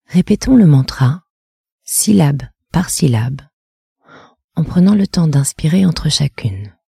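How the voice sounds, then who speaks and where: A woman leading a guided meditation in a soft, half-whispered, measured voice. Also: low voice, lively intonation, creaky, slightly rough, no room sound, studio quality.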